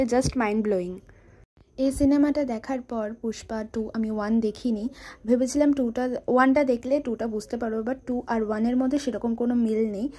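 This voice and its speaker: Young woman, vlogger, chatty, slightly high voice, mellow tone. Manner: chatty, mixes English into speech. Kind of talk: casual vlog chat.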